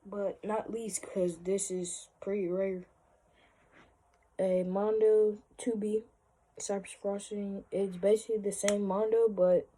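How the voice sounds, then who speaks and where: Husky, mellow voice in casual show-and-tell. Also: mid-range voice, rough recording. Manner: hesitant, informal, trailing asides. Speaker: hobbyist presenter showing a collection.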